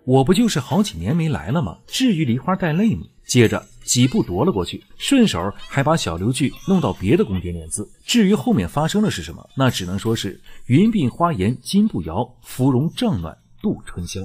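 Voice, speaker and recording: A man's voice: mid-range voice, a little mellow. A man narrating a drama recap as joking, colloquial, scripted storytelling commentary. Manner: wry, colloquial, playful.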